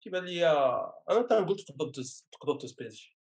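A man's voice: fairly high pitch, expressive, rapid-fire, darkish tone. A man with a Moroccan accent chatting casually about football, mixing in French words.

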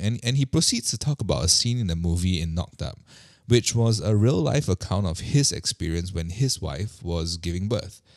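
A man in his thirties with a notably low voice, telling a personal story in a relaxed, chatty way. He often stumbles and repeats words as he restarts a thought, with a wry, self-deprecating tone. The recording is close and dry, with no room sound. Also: no echo.

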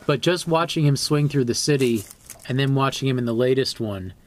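Podcast guy, mid voice, steady and measured, casual. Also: medium pitch. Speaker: podcast co-host. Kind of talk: casual chat.

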